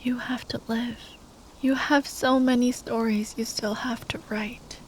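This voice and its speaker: In a close, intimate ASMR roleplay, a woman voices a young sorceress at a bedside, grieving yet tender. Her speech is hushed and halting, often drifting into whispers, with a slightly high voice and fairly even intonation, and she acts it lightly with a mood of tender resolve. The audio is poor, with a little background noise.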